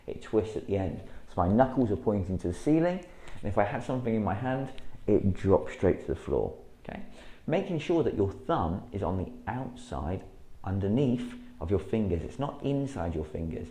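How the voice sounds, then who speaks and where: A man teaching a karate class, patiently explaining each move step by step and calling out loud counts for drills. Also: on the low side. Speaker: karate instructor. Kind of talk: martial arts class instruction. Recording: echoey room.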